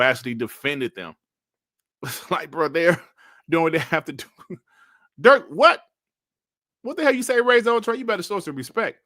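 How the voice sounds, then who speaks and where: A man in his forties chatting casually on a livestream, reading out chat messages and bantering with loud laughs and slang. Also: medium pitch, dry recording, studio quality. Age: 40s. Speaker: streamer reading live chat.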